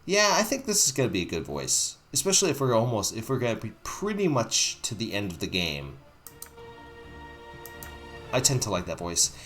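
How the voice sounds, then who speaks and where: A man's voice: fairly low pitch, huge pitch swings, normal speed, a bit bright. A man hosting a casual game playthrough, thinking aloud in a rambling way over music. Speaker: gaming video host.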